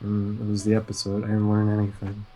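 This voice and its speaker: A man chatting casually on a stream, retelling a cartoon episode in a rambling way with frequent "uh" pauses. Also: on the low side, completely flat delivery, warm tone, a little hiss or hum, rough recording. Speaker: stream co-host. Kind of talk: casual chat recapping cartoons.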